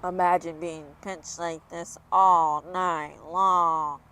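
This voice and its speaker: This woman's voice sits on the low side, steady but pushed and bright, and she reads slowly. She's sharing a children's picture book outdoors on a fall day, chatting and encouraging the young viewers as she goes. Traffic and general outdoor noise run underneath.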